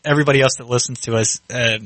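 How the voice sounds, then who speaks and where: A man's voice: mid-range voice, fairly even intonation, racing, fairly bright tone, no echo. A man co-hosting a podcast in casual chat, hesitant and full of fillers, swearing often. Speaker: podcast co-host.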